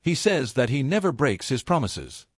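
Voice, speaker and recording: A man giving scripted narration of a comic story recap in a steady storytelling delivery. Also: mid-range voice, normal speed, no echo, studio quality.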